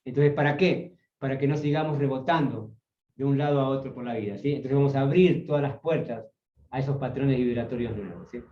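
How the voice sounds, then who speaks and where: A man's voice: mid-range voice, a little fast. Distant echoey man lecturing, "sí?" after each phrase. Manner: tags nearly every phrase with a questioning "sí?". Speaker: workshop teacher. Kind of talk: spoken workshop lecture. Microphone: video call. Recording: roomy, distant, dull video call audio.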